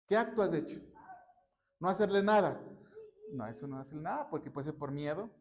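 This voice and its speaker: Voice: medium pitch, animated, brisk. Preacher, conversational sermon, mid-range voice, rhetorical check-in questions, church setting. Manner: recounts personal workshop anecdotes.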